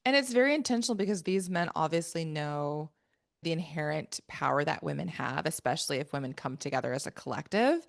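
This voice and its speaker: A woman co-hosts a casual book podcast, working through her points thoughtfully and with emphasis, leaning on fillers as she goes. Her voice sits somewhat low. The sound is dry and close, with no room around it. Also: lively intonation, brisk, gravelly, dry recording. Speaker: podcast co-host.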